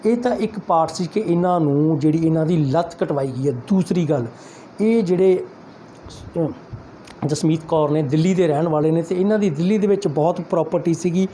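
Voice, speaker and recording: Male reporter, mellow dark tone, halting delivery, light noise behind. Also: a little high. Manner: hesitant, many fillers and restarts. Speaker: news reporter. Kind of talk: news interview with commentary.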